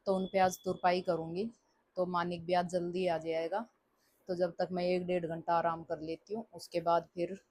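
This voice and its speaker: A woman's voice: lowish voice, darkish tone, dry recording. A woman in her thirties, a mother, chatting casually to viewers about her chores in a daily vlog. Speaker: home vlogger and mother.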